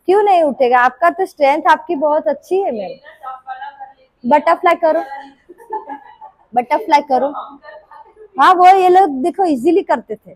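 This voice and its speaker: A woman's voice: very high voice, no room sound, rough recording. A woman yoga teacher with a sore throat, counting reps and scolding her class into holding their poses. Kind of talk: live group class instruction. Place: indoor yoga class room.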